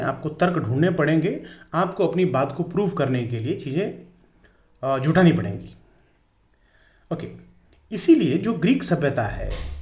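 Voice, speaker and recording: In an echoey room, a Hindi-speaking man gives a physics lecture to a class, explaining slowly and stressing each English pronunciation. His voice is fairly high and a little mellow.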